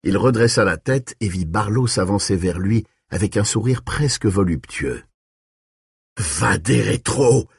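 A man narrating a dark audiobook in an expressive way, with shifting pace and tone. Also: lowish voice, normal speed, few pauses, breathy edge, dry recording, studio quality.

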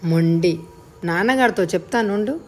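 A woman's voice: medium pitch, moderate pace, darkish tone, faint music behind, lightly acted. Give me a proud, clever schoolgirl, read by a woman, teasing and scornful, for a storybook audiobook. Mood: indignant.

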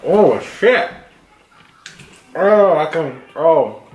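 A man's voice: a little high, expressive, drawn-out words, a little mellow, muffled recording. A man in his thirties, mouth burning from spicy food, exclaiming in pain and cursing during a casual eating challenge. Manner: profane. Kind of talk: casual challenge vlog chat. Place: indoors, small room at a table. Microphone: camera a short distance away. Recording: roomy echo, clear background noise.

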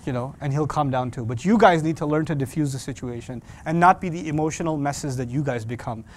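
Brief: male Quran teacher addressing youth, lively and humorous, slightly higher pitched than most men. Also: fast talker, slight background noise. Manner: animated, jokey, acts out little scenes. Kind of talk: Islamic lecture to youth.

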